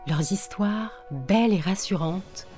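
Soft-voiced woman reading a story. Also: mid-range voice, takes it slowly. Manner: gentle, soft-spoken, at times whispering. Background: faint music.

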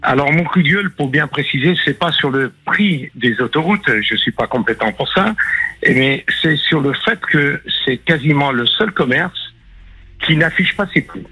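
A man in his sixties, originally from Sicily, calling a radio show and setting out a complaint in a measured, explanatory way. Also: on the high side, lively intonation, bright, forceful tone, husky, poor audio. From Sicily, moved to France at ten. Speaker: radio caller.

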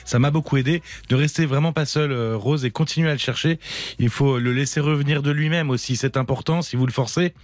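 Calm man reading listener messages on air. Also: mid-range voice, fairly quick, dry recording.

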